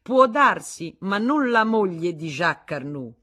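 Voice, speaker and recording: A woman's voice: low voice, moderate pace. A woman reading an audiobook, voicing a wounded wife who confronts her husband with cold, bitter irony. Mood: accusing.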